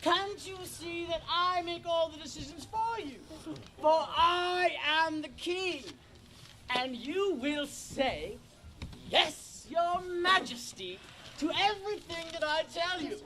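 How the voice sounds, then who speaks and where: A woman's voice: very high-pitched, expressive, slow, sharp tone, heavily acted. A woman voicing a bossy, domineering male king in a cartoon, haughty and commanding.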